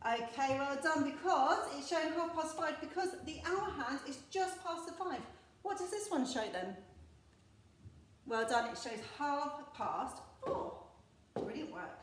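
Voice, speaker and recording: A woman teaching a recorded maths lesson to young children, bright and encouraging with lots of praise. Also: high voice, animated, a little slow, reverberant, a little hiss or hum. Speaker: primary school teacher. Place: classroom.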